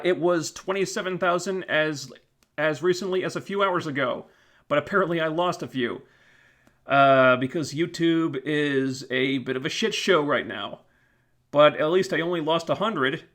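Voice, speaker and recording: This YouTube channel host, a man with a slightly high and fairly bright voice, is wrapping up a casual live stream. He's losing his voice and rambles through his thanks to viewers with lots of fillers and restarts.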